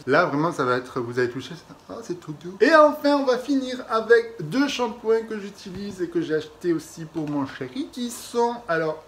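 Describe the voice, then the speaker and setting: A young French man chatting casually through a beauty product review vlog, expressive and quick to exaggerate and laugh. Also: fairly high pitch, slight background noise. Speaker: beauty vlogger.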